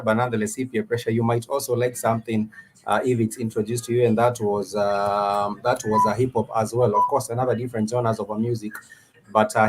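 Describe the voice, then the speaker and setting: A man with a Kenyan accent hosting a live music interview, speaking in a wordy, halting way with repeated phrases. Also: mid-range voice, a little hiss or hum. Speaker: radio show host, interviewer.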